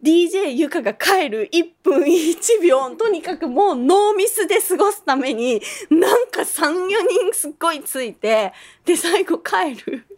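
A woman's voice: very high voice, normal speed, hardly any pauses. A woman in her thirties hosting, casually telling a story, laughing often and acting out the people in it. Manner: lively, laughs often, acts out quoted people. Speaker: host.

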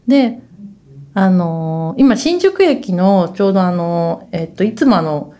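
A woman's voice: on the low side, lively intonation, measured pace, dark tone. A woman hosting a casual radio talk corner, rambling along chattily, calling herself by her nickname and turning to her co-host to check details. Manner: asks the co-host for confirmation.

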